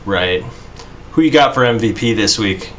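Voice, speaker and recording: A man co-hosting a casual podcast chat, relaxed and quick to laugh, with a lot of "like" and "you know.". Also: on the low side, a little hiss or hum. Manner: laid-back, laughs often, says "like" and "you know". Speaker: podcast co-host.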